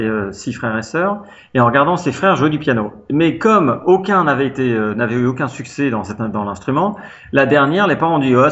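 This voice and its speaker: A man's voice: mid-range voice, lo-fi sound. Chatty French man telling stories. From France. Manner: chatty, animated anecdotes with many fillers. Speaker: interview guest, pianist. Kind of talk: casual storytelling.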